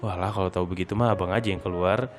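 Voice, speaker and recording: A man voicing a kind, gentle older schoolboy in a friendly, easygoing tone, over guitar music. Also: deep voice, fairly even intonation, racing, pitched below the performer's own voice, natural voice.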